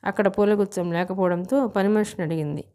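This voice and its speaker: A woman narrating a novel as an audiobook, reading in a measured, steady way. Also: mid-range voice, clean tone.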